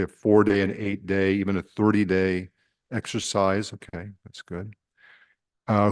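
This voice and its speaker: A priest with a Nebraskan accent giving an informal retreat talk to a group, halting with many fillers and restarts and asking the room questions. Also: male voice, fairly low pitch, no room sound.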